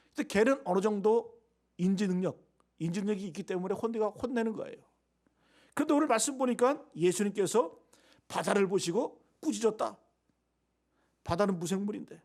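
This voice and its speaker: A man preaching a Sunday sermon as pastor, emphatic and full of rhetorical questions to the congregation, swinging between loud stresses and hushed asides. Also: sits high.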